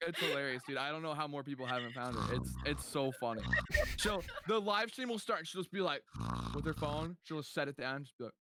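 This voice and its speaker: A man's voice: fairly high pitch, quick pace, bright, forceful tone. A man hosting a casual podcast chat, laughing often as he tells loose, rambling stories. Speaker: podcast host.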